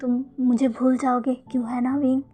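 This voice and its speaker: A woman's voice: sits high, level tone, normal speed, warm tone, slightly rough, soft background music. A woman voicing an insecure young man who asks wounded, hesitant questions in a storybook reading. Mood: hurt, serious. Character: young man, insecure, hurt, tearful lover.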